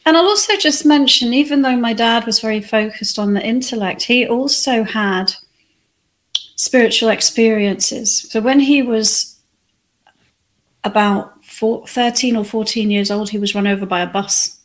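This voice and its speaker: A woman from England, reflecting on her life as an interview guest in a soft, thoughtful way. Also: fairly high pitch, unhurried. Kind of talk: conversational interview.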